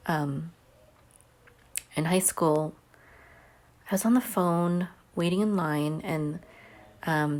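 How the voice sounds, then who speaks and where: Speaking to camera with a deep voice, a homeschooling mother shares a personal story in a chatty, earnest manner, mentioning that she has a big voice.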